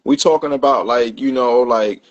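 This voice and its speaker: A man's voice: mid-range voice, moderate pace, muffled recording. A man talking as a guest in a casual chat, loose and full of fillers and restarts.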